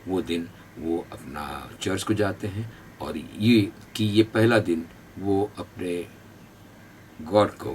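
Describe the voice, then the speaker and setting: Low-voiced Indian man teaching English. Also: slow pace, slight background noise. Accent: North Indian. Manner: drills pronunciation by repeating words. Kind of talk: spoken English lesson. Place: classroom or institute.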